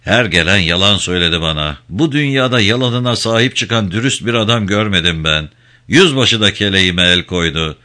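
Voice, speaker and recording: A man voicing a gruff, cynical river ferryman in his forties who talks bluntly in a storybook reading. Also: fairly low pitch, normal speed, pushed and bright. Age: 40s.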